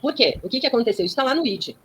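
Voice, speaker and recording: This talk-show guest has a high, expressive, slightly bright voice and races along, explaining ideas didactically with everyday examples and frequent tag questions. Her rough recording has a little hiss or hum.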